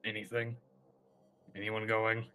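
A man's voice: lowish voice, monotone, unhurried, bright, forceful tone, smooth, soft background music. A man playing a tabletop game, talking bluntly and impatiently. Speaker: player. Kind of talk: casual tabletop chat.

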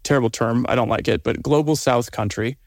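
A man from the United States, a guest in a casual interview, explaining in a measured way with dry humor. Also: mid-range voice, dry recording. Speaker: guest, social media commentator.

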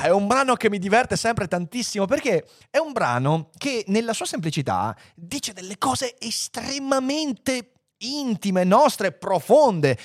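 A man's voice: high-pitched, no room sound, studio quality. A man reading a passage aloud and then commenting on it in an amused, conversational lecture style. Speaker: lecturer on philosophy and literature.

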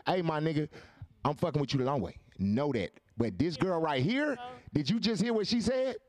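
A man hosting a podcast, talking loud and fast, animated and profane, repeating himself as he riles up the panel. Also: a little high. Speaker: host.

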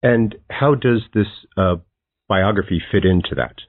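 A man hosting a podcast, asking brief, measured questions in an interview. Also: lowish voice, no echo. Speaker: podcast host. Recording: tinny phone-like line.

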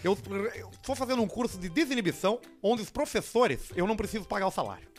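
A man's voice: sits high, animated, fast, soft background music. A man voicing a smug, pompous self-styled entrepreneur in an improvised comedy bit. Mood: smug lecturing.

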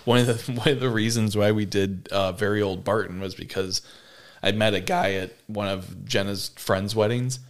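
Man, low voice, casual co-host, chatty storyteller, quotes others. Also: steady tone, normal speed. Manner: storytelling, quoting others with laughs. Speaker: podcast co-host. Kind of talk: casual chat.

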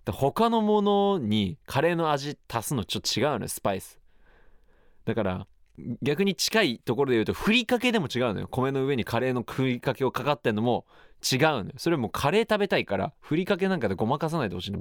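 A man's voice: mid-range voice, big pitch swings, fast, dry recording, studio quality. A man hosting his own radio show, chatting casually and musing aloud in a rambling way. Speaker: radio host. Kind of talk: casual solo radio talk.

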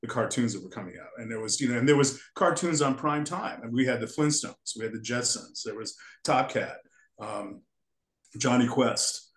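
Older interview guest from the United States, mid-pitched voice, meandering storyteller, roomy reverberant recording. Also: male voice, moderate pace, a bit bright. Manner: rambling, restarts sentences often. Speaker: guest, character designer. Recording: echoey room.

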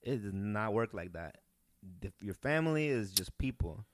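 A young man from Peru, a comedian, telling rambling, animated stories in a casual podcast chat. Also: lowish voice, normal speed, no room sound, studio quality. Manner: rambling, animated storytelling with restarts. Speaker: guest comedian.

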